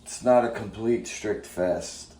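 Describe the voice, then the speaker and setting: A vlogger rambles casually through his morning vlog in a lowish, dark voice, taking his time. A swollen, bitten tongue leaves his speech slightly thick and his articulation impeded. The room adds a roomy echo over faint background noise.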